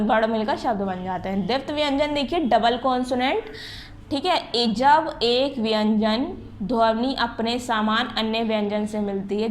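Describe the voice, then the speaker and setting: A woman teacher walks through a grammar lesson, repeating each term and sounding out letters slowly. Her voice sits a little high. A faint hiss runs under the recording. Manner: often checks in with the class. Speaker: school teacher.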